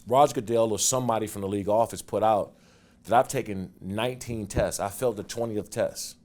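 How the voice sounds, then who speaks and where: Animated man telling sports stories. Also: fairly low pitch. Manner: animated storyteller, gets loud and fast when excited. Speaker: guest, former football player. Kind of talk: casual storytelling interview.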